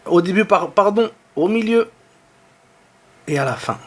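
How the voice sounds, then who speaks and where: French-accented guy with a high voice teaching arabic letters, patient, repeats the sounds slow. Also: lively intonation. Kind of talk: online lesson.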